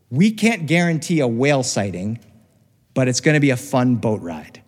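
Speaking to a live recording, a middle-aged American man shares a personal story in a slightly high voice. He's expressive and uses dramatic pauses, while a long reverb trails his words.

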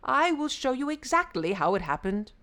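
Mournful gentle Brahmin, moaning and hopeless, voiced by a woman. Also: sits high, big pitch swings, normal speed, pitched above the performer's own voice, full character voice. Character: sad, doomed, kind old male Brahmin.

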